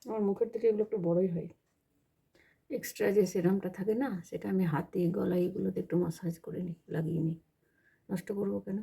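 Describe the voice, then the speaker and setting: A woman's voice: medium pitch, fairly even intonation, quick pace, gravelly, mellow, husky. A woman chatting casually in a home vlog, explaining things as she shows them around her house. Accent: Bengali. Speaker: vlogger.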